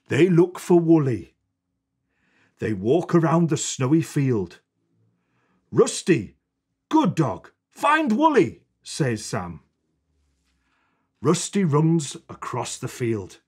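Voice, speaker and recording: Husky, swooping Father Christmas performer acting him out. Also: heavily acted. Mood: lively storytelling. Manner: animated, deliberate storytelling with big pitch swoops. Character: Father Christmas, jolly kindly old man reading a storybook. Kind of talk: scripted children's storybook reading.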